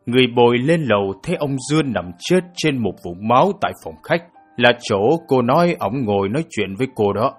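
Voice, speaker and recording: A man voicing a stern prosecutor who questions a suspect in a slow, measured manner in an audiobook drama. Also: medium pitch, animated, faint music behind, natural voice. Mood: probing. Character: stern male prosecutor, calm and probing.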